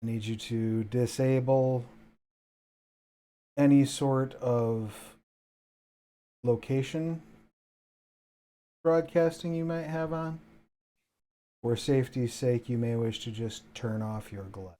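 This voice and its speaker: A man playing a guarded, commanding anonymous contact in a tabletop game, giving terse, formal orders in measured phrases. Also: mid-range voice, fairly even intonation, warm tone, close to an everyday voice.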